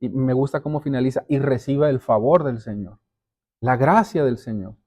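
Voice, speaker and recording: A man's voice: mid-range voice, normal speed, darkish tone. A man preaching a sermon as pastor, speaking earnestly to the congregation and often repeating words as he builds a point. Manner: addresses listeners directly as brothers and sisters.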